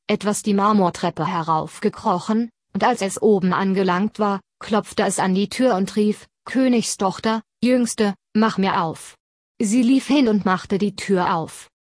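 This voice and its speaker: A woman reads a fairy tale aloud in an even, plain manner and even speaks the punctuation marks. Her pitch sits in the middle of the usual range. The recording is dry and close. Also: no echo. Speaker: narrator.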